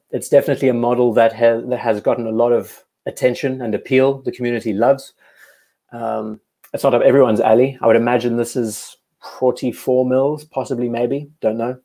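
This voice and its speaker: A man with a mid-range, dark-toned voice hosts a live watch show stream, casually chatting and thinking aloud about viewers' photos. He frequently restarts his sentences.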